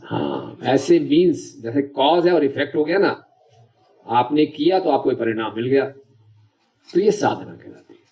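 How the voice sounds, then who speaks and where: A man's voice: medium pitch, lively intonation, measured pace, dark tone. Man preaching in a chatty, questioning way. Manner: conversational, checks understanding with the audience. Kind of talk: devotional lecture. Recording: dull lo-fi lecture recording.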